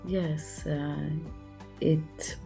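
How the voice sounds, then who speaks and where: Guest woman, low and mellow, slow and hesitant with fillers, on a video call. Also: steady tone, vocal fry, faint music behind. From Portugal. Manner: thoughtful, hesitant, with many fillers. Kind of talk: casual interview talk.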